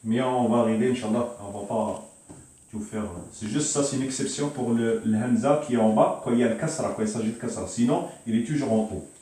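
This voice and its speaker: A man's voice: mid-range voice, a little fast, mellow. A man teaching a beginners' Arabic lesson, explaining patiently and repeating himself with many hesitations. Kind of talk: beginner language lesson at a whiteboard. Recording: very echoey room, mic far off.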